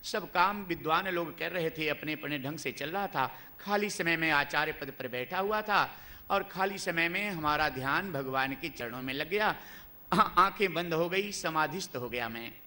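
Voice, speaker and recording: A man voicing a calm, patient male god who reasons gently with his wife. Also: fairly high pitch, normal speed.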